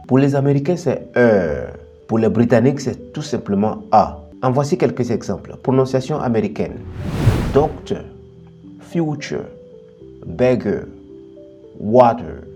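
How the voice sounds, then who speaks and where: A man hosting a bilingual English lesson, explaining pronunciation and slowly modelling word pairs one after another. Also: medium pitch, mellow. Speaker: English teacher, channel host.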